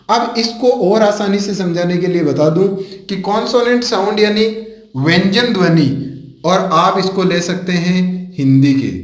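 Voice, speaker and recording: High-voiced Indian man teaching grammar. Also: reverberant. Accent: Rajasthani Hindi. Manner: explains step by step, often asks questions and answers them himself; often addresses viewers as friends. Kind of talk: online grammar lesson.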